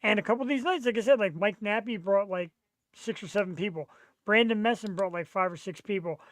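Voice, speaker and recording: A man, chatting casually as a podcast host in an excitable, slangy, rambling way. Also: high voice, fairly quick, dry recording. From Philadelphia, USA. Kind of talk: casual live podcast chat.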